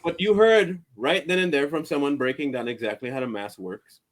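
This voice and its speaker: Male host, slightly higher voice, animated storyteller, casual chat. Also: fairly quick. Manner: animated storyteller, laughs often. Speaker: podcast host.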